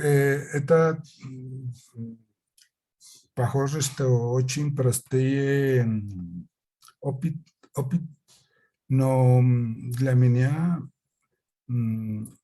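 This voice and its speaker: A man with a foreign accent giving an academic presentation in a language that is not his native one, haltingly and searching for words. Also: mid-range voice, dark tone. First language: not Russian. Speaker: conference presenter.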